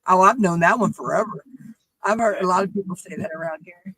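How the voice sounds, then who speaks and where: A woman's voice: mid-range voice, a little fast, fairly bright tone, breathy edge, poor audio. A woman chatting casually as the host of a livestream. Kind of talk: casual chat.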